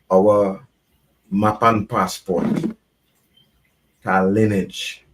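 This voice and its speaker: A man from Trinidad and Tobago, a reggae artist and guest, speaking at length in a measured, earnest way. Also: lowish voice. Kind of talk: reflective conversation.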